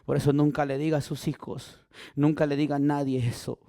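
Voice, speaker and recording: High, gravelly-voiced man preaching a sermon. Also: level tone, brisk. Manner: preaching with big swings from shouting to near-whisper. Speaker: pastor.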